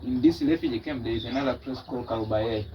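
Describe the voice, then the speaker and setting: A young Burundian man with a Burundian accent, telling his story in a casual interview, often pausing to search for words. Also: medium pitch, far from the mic, lo-fi sound, a little hiss or hum. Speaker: guest, travel vlogger.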